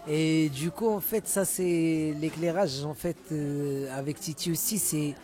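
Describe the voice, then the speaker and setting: Mellow and measured, the slightly high voice of this Moroccan musician guest keeps a fairly even intonation. A native Moroccan Arabic speaker, he talks informally in the interview, repeating words as he looks for terms.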